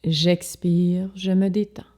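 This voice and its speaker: Short, calm phrases separated by pauses come from a woman with a fairly low voice. She is a yoga instructor talking listeners through a guided relaxation in a soothing way.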